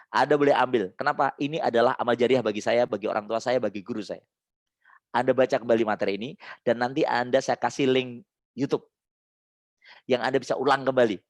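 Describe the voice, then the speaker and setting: A man's voice: mid-range voice, no room sound, studio quality. A man in his forties giving a parenting webinar lecture. He speaks animatedly, acts out little scenes and laughs at his own jokes.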